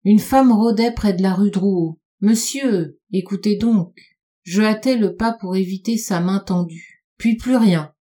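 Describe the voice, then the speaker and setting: A woman reading a classic short story aloud as an audiobook, measured and unhurried, slowing and dropping her voice on dark repeated phrases. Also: medium pitch. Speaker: audiobook reader. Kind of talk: literary audiobook narration.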